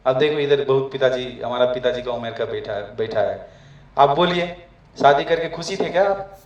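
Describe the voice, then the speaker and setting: A man's voice: medium pitch, moderate pace, lo-fi sound. A man from Nepal gives a devotional talk to migrant workers and keeps asking his listeners questions. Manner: asks the audience questions often. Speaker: preacher. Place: room abroad with a gathering. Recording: echoey room, from far off.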